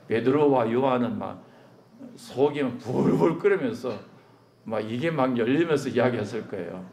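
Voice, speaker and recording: A man's voice: on the high side, gravelly, a little mellow. A middle-aged man from Korea preaching a sermon, questioning his congregation and rising to emphatic peaks, slipping in English phrases. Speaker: pastor.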